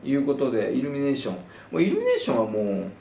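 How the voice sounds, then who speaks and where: Lively animated man in echoey room. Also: racing, creaky, slight background noise. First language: Kansai dialect speaker. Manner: animated, jokey, lively pitch swings. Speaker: film commentary host. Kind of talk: casual film talk.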